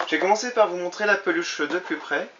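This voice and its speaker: A man's voice: sits high, quick pace, noisy background. A man casually reviewing a toy he bought, chatty and often hesitating with fillers. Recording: slightly dull lo-fi recording.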